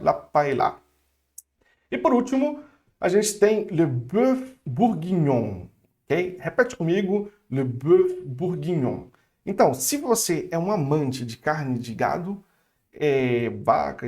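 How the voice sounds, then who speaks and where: A man's voice: mid-range voice, gravelly, darkish tone. Chatty Brazilian man teaching French. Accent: Brazilian Portuguese. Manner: chatty, upbeat, with asides and restarts. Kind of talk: casual online language lesson.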